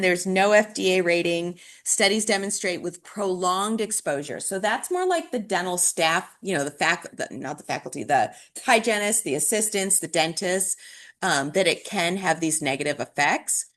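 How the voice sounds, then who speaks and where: Woman instructor, somewhat low voice, chatty lecture delivery, lots of "um" and restarts. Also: fairly bright tone. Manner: conversational, with frequent fillers and restarts. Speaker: dental hygiene instructor. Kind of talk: recorded classroom lecture.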